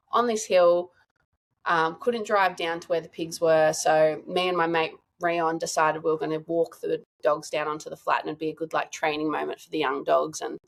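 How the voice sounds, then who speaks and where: A woman guest telling a lively hunting story in a casual, chatty way. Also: low-pitched, vocal fry. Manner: chatty, animated, lots of "like" and laughter.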